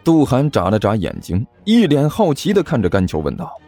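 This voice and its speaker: A man narrating a comic storybook, voicing characters with lively shouts. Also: mid-range voice, brisk, dry recording, faint music behind. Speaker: audiobook narrator.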